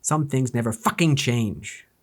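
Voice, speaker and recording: Reading an old political speech aloud, this New Jersey man keeps interrupting himself with sarcastic, profane remarks. He's a YouTube history commentator with a mid-range voice and a measured pace.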